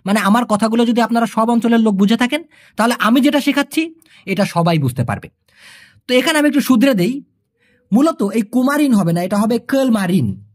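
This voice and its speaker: Woman, online language teacher, lively pitch, patient and repetitive. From Bangladesh. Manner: patient, repeats words slowly to drill them. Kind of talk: video language lesson answering viewer questions.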